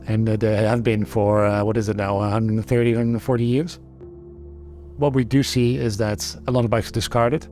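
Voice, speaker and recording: A middle-aged Dutch man with a Dutch accent speaks as a company founder in a documentary interview. His medium-pitched voice is a little mellow, and he sounds thoughtful, often restarting sentences and using many fillers.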